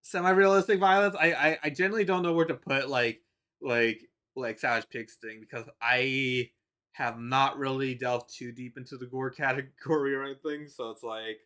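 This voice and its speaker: A man's voice: mid-range voice, fairly even intonation, normal speed, bright, forceful tone, smooth. A man chatting casually on a live stream about his comics, rambling with many restarts and fillers and laughing between thoughts.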